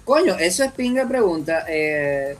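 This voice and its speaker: A man's voice: a little high, measured pace, loud music behind the voice. A young man with a Venezuelan accent hosting a casual podcast, telling a long anecdote and acting out the voices of people in it. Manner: animated, mimics voices in anecdotes. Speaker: podcast host. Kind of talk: casual storytelling chat.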